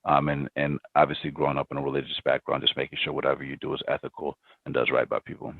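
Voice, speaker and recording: A startup founder in his thirties answers podcast interview questions reflectively, with many ums and restarts. His voice is rumbling low and gravelly, with little pitch movement and fast talking, heard over a dry, phone-like remote line with no room sound.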